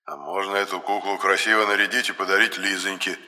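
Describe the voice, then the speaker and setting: A man's voice: sits low, fairly even intonation, fast, pushed and bright, long reverb tail. A man playing a blunt, grumpy ghost skeleton. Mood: gruff. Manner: blunt, crude. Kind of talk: audiobook character voice.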